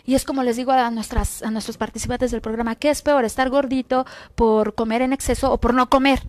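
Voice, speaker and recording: A Mexican woman doctor talks through a list of healthy habits on a television interview. Her voice sits a little high, and her tone is explanatory. She keeps checking in with tag questions. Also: fairly even intonation, fairly quick, no room sound. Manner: explanatory, lists numbered points, frequent tag questions. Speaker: doctor guest.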